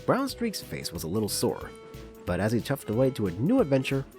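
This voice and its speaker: A man reads as the narrator of a storybook-style parody of children's train tales. His mid-pitched voice moves up and down a great deal. Soft music runs underneath. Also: wildly swooping pitch, a little fast. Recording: music behind the voice.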